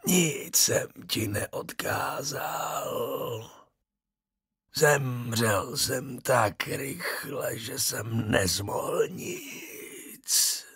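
A man voicing the ghost of a dead woodcutter father in an audiobook, speaking in a slow, faint, eerie whisper. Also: medium pitch, animated, gravelly, a bit bright, husky, no room sound, clean studio sound, voice pushed up, full character voice. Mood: eerie, ghostly.

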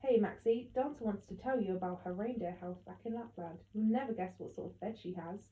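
Woman voicing a gentle coaxing dad. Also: mid-range voice, brisk, lightly acted. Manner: soft and soothing. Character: gentle coaxing father, adult man. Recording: echoey tinny phone-like sound.

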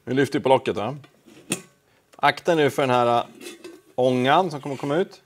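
A man's voice: medium pitch, noisy background. A man hosting a casual home cooking video, talking to the camera while he cooks, with offhand, self-deprecating asides. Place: home kitchen.

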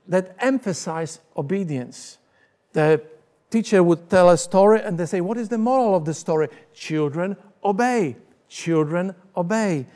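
This is a high-voiced man with a darkish tone: a middle-aged pastor and teacher from Poland, Polish-accented, giving a sermon through a lapel mic. He stands on a church stage before a curtain backdrop, telling his story earnestly and using both hands to gesture.

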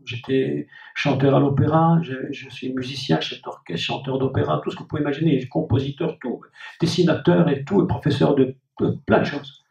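A man's voice: mid-range voice, gravelly, warm tone. A man preaching a sermon as pastor, repeating key phrases and speaking directly to the congregation. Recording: dull, echoey hall recording from a distant mic.

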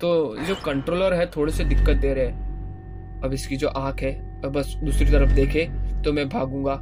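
A young man giving casual, excitable commentary while playing a horror game, swearing playfully and yelping high when scared. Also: moderate pace. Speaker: gaming YouTuber. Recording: game music loud behind voice. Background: horror game music.

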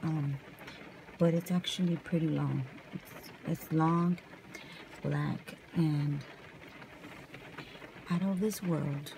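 A young woman from California chatting softly and casually in ASMR style while brushing her hair in a parked car at night. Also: sits low, fairly even intonation, takes it slowly, vocal fry, pauses often, slight background noise, low-quality recording. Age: young adult. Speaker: vlogger. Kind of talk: soft-spoken ASMR chat. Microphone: camera close up.

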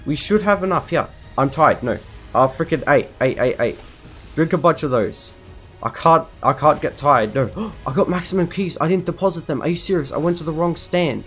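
A man's voice: on the high side, expressive, normal speed, fairly bright tone, faint music behind. A man giving live commentary over his gameplay, frantic and anxious, repeating himself over and over as he talks. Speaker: gaming video creator.

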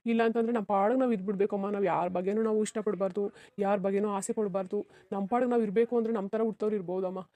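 A woman's voice: mid-range voice, fairly even intonation, fast, dry recording, lightly acted. Woman voicing a sorrowful, resigned young husband. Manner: soft, resigned, pleading. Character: sad, self-sacrificing young married man. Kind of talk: cartoon voice acting.

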